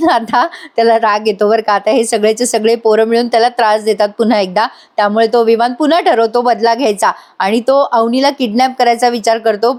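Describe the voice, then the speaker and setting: A woman narrates a playful, chatty recap of a soap episode in a fairly high voice. She retells each scene and acts out the lines along the way. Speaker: serial reviewer.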